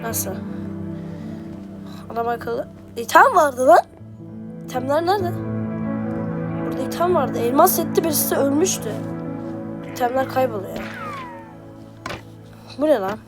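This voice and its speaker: A high-voiced woman comments on her gameplay in quick, playful bursts, teasing opponents and exclaiming at every surprise. Game music plays clearly under her voice. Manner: playful, excitable, trash-talking. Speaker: gaming streamer.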